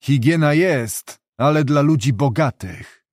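A man voicing a gruff, scornful older male estate administrator who mocks and blusters. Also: a little high, lively intonation, unhurried, darkish tone, no room sound, clean studio sound. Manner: mocking, blustering.

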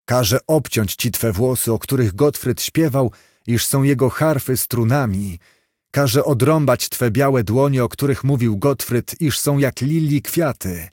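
A man's voice: mid-range voice, measured pace, a little mellow, no echo, studio quality, close to an everyday voice. A man voicing a cruel, scheming count who makes menacing threats in a storybook reading.

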